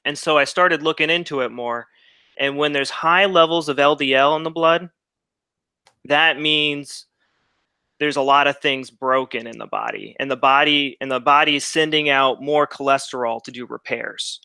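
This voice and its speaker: A man in a casual debate, heard over a video call, explaining in a halting way and repeating his words. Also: fairly high pitch, sharp tone, clean tone, no room sound. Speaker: debate participant.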